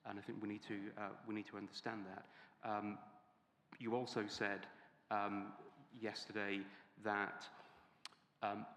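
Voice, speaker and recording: A middle-aged man moderating a conference panel, hesitant and often pausing or repeating words. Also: lowish voice, a bit bright. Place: large hall on a conference stage. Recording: very echoey conference hall.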